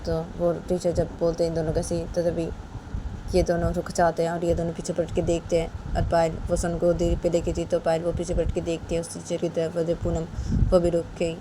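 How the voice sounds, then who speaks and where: A woman's voice: fairly low pitch, noisy background. A woman casually narrating a story, retelling it plainly and repetitively.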